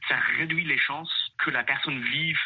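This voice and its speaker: A man from the United States, a mental health worker, calmly explaining things in an interview with frequent hesitations. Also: on the high side, measured pace, breathy edge, highs cut off. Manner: calm, explanatory, many hesitations.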